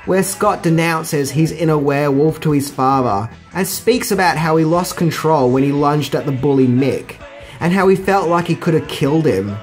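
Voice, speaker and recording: A middle-aged man hosting a scripted film trivia video with casual, slangy asides. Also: on the high side. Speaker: video host.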